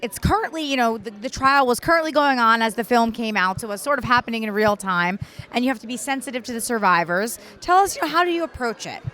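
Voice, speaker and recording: A woman's voice: a little high, animated, quick pace, pushed and bright. A woman working as an interviewer at a red carpet awards event, putting questions to guests.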